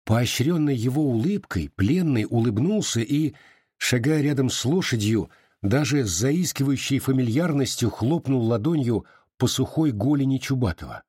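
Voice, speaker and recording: A man giving measured, expressive literary audiobook narration. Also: mid-range voice, breathy edge, no room sound, studio quality.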